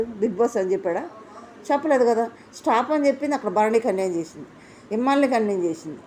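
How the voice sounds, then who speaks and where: A woman's voice: fairly high pitch, warm tone, a little hiss or hum. A woman giving opinionated commentary as a reality show reviewer. She sounds indignant, fires off rhetorical questions and repeats her points for emphasis.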